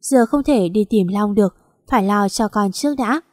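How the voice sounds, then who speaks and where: A woman's voice: medium pitch, moderate pace, darkish tone, no echo, studio quality. A woman narrating a sad story in a plaintive, emotional reading.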